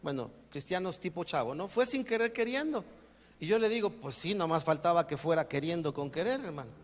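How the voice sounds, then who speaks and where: Delivering his sermon a little fast, this pastor's voice is on the high side and animated. He has a Mexican Spanish accent, jokes as he acts out everyday exchanges, and is recorded with long hall reverb.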